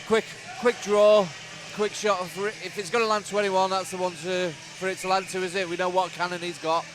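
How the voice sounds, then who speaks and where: A man's voice: high voice, level tone, fairly quick, background noise. A man giving casual color commentary on an ice hockey game, agreeable and loosely phrased, saying yeah often. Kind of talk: casual live analysis.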